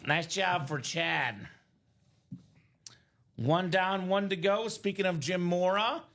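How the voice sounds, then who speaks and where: A man in his thirties hosting a live card break, chatty and energetic, calling out names and teams. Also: sits high, takes it slowly. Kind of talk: live stream commentary.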